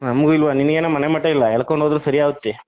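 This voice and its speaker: Smooth-voiced man answering a phone call. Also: fairly high pitch, fairly even intonation, very fast, a little mellow. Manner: patient at first, then scolding, with frequent hums. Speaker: call recipient. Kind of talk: phone conversation. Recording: muffled phone call audio.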